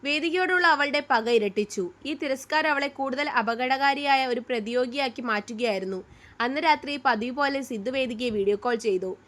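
A woman narrating a story in a calm, steady storytelling manner. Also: high-pitched, normal speed.

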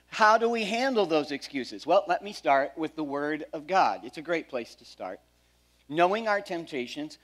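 A middle-aged pastor preaches a sermon from a church stage in a high voice, animated and swinging between loud emphasis and quiet asides.

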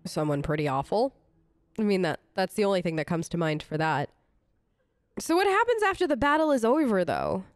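A woman let's player role-plays through a video game, answering in character with chatty, informal lines. Her medium-pitched voice is sing-song and brisk, recorded dry with studio quality.

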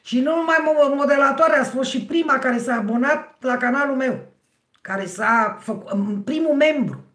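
A middle-aged woman with a hoarse, husky voice, hosting a livestream and chatting with her viewers by name. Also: high voice, a bit bright. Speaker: livestream host. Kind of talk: casual livestream chat with viewers. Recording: roomy, echoey sound.

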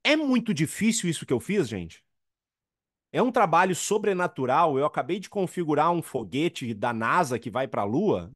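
Emphatic Brazilian man with lively high voice. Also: normal speed, dry recording, studio quality. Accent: Brazilian Portuguese. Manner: emphatic, repeats key points, acts out quoted dialogues. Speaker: network marketing trainer. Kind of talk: motivational training talk.

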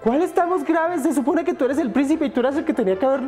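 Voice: animated, a little fast, music in the background, natural voice. A narrator doing a whiny, spirited young princess. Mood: indignant. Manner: whiny, indignant, high-pitched.

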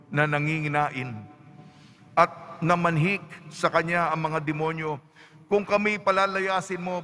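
A man's voice: a little high, bright, forceful tone, slight background noise. A man with a Filipino accent, a priest, reading the gospel and preaching a homily in a solemn, emphatic way. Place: large church. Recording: echoey church with long reverb.

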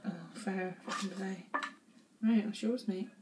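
A woman's voice: medium pitch, fairly even intonation, a little slow, background noise. A young woman vlogging a food challenge, dramatic and giggly. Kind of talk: casual chat.

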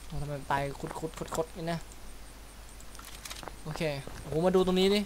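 A man talks his way through a game session in a casual, chatty let's-play style. His voice sits a little high, and he peppers his talk with playful mouth sound effects. Game sounds play loudly underneath. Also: fairly even intonation, normal speed, slight background noise. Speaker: gaming YouTuber. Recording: loud game sounds behind voice.

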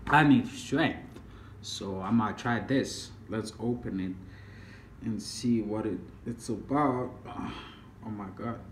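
Slow-talking young man in a roomy space. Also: on the low side. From United States. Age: young adult. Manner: slow, drawling and chatty, often trailing off. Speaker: vlogger. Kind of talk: casual vlog to camera. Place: small room indoors. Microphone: phone camera at arm's length. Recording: roomy phone recording, faint hiss.

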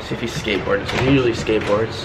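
A man's voice: fairly low pitch, steady tone, rapid-fire. A man in his twenties chatting casually to a vlog camera in a slangy, hyped frat-bro manner. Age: 20s. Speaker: vlogger. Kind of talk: casual vlog chat with friends. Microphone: camera held at arm's length. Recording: noisy handheld outdoor camera audio.

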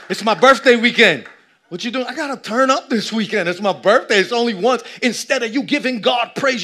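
A man in his thirties preaching a lively sermon on a church stage, swinging from shouts to low asides and acting out little scenes. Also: a little hiss or hum. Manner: animated preaching, shifting between loud shouts and low asides. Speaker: pastor. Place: church stage with a seated audience.

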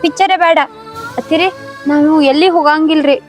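A woman with a North Karnataka accent playing a gentle young daughter-in-law who comforts her husband in a village family drama skit. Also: high voice, steady tone, brisk, soft background music, lightly acted. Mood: pleading. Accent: North Karnataka Kannada. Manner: soft, consoling.

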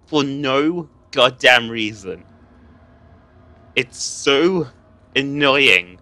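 Young man, nervous let's-play commentary, cursing, sharp tone, unhurried. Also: mid-range voice, lively intonation, no echo. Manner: nervous, swearing, laughing, talking to viewers. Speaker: gaming video host.

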